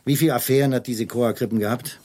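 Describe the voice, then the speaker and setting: A middle-aged actor playing a Scotland Yard chief inspector, asking probing questions in a dry, ironic way in a 1970s radio drama. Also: male voice, mid-range voice, fairly even intonation, quick pace, warm tone, natural voice. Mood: wry.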